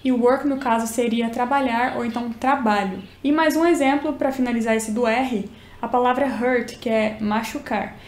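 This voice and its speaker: A woman's voice: fairly high pitch, moderate pace, hardly any pauses. A young woman from Minas Gerais, Brazil, with a Minas accent, casually teaching English pronunciation and demonstrating sounds. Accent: Minas Gerais Brazilian Portuguese. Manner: chatty, explains and demonstrates pronunciations. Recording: echoey room.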